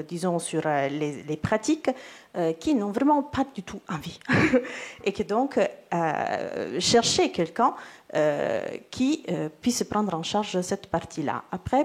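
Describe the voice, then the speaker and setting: This literary agent for illustrators is a native Italian speaker in her thirties whose mid-range voice has a darkish tone and an Italian accent. Answering on a round-table panel, she hesitates often, using many fillers and restarting sentences.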